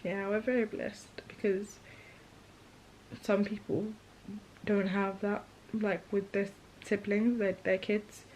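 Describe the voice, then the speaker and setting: A woman's voice: mid-range voice, flat delivery, slow, darkish tone, a little hiss or hum, rough recording. Candid woman vlogger. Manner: chatty and candid, often laughing, with a catch of emotion. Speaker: vlogger and mother. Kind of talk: casual chat.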